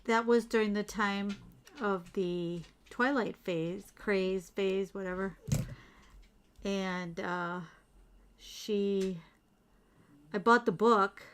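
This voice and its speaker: A woman's voice: medium pitch, fairly bright tone, smooth. A middle-aged woman chatting casually at home while doing beadwork, rambling and reading out viewer comments. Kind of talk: casual livestream chat while beading.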